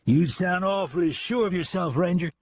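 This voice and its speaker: A man's voice: sits high, normal speed, no echo, clean studio sound, voice pushed up. A man doing a drunken, bellowing burly sergeant. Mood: drunken, angry. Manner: shouting, blustering.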